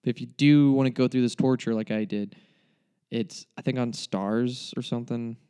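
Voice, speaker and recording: A young man talks through a film review in a loose, rambling way, stopping and restarting his sentences with theatrical despair. His voice is smooth and clear, sitting at an ordinary middle pitch. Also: fairly even intonation, normal speed, mellow. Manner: rambling, self-interrupting, mock-dramatic. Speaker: movie reviewer. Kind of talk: casual spoken movie review.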